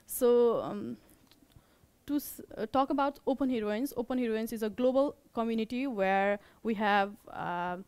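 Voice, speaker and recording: A young woman with a Nepali accent presents informally at a meetup she organizes, speaking haltingly and often repeating or rephrasing herself. Her fairly high voice is a little mellow, clear and resonant, with no room sound.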